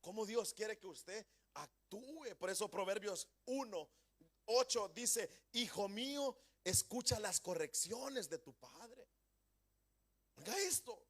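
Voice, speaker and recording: Male pastor, high voice, emphatic sermon delivery, rhetorical questions, folksy jokes. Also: expressive, slow pace, a bit bright, breathy edge. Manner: folksy humor. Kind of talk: Pentecostal sermon. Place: church.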